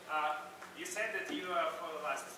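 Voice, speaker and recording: A man in the audience asking questions in a halting way, searching for words. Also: on the high side, pushed and bright. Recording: very echoey hall, distant speaker, crowd around.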